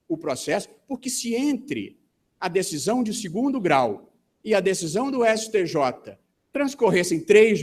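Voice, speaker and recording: A man with a Brazilian Portuguese accent giving a formal talk at a legal seminar. He speaks in a measured, deliberate way and often pauses with hesitation fillers. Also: high-pitched. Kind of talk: formal conference speech. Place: conference hall in Brazil.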